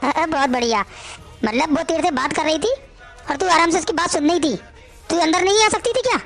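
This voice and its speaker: A woman's voice: very high-pitched, fairly quick, fairly bright tone, faint music behind. A woman voicing a strict, nagging older mother-in-law who scolds and mocks in a cartoon story. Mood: scolding. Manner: scolding, sarcastic.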